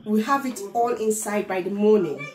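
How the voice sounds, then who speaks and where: A woman's voice: medium pitch, expressive, moderate pace. A middle-aged woman from Nigeria shows how she cooks at home, walking through each step and asking if everyone understands. She talks into a phone camera in her kitchen. The room rings with echo, and children chatter around her. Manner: chatty, explains step by step, often checks in with "do you understand?". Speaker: home cook vlogger. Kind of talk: casual cooking demonstration.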